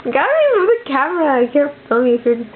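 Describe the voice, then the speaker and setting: Young woman, high lively voice, giggly slangy banter with friends, tinny phone-like audio. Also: quick pace. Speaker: participant filming a home burping contest. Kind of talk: casual playful chat among friends. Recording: tinny lo-fi phone-like sound, noisy.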